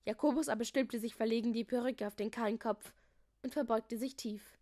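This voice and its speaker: A woman's voice: a little high, steady tone, fairly quick, warm tone. Woman reading a children's story aloud. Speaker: reader.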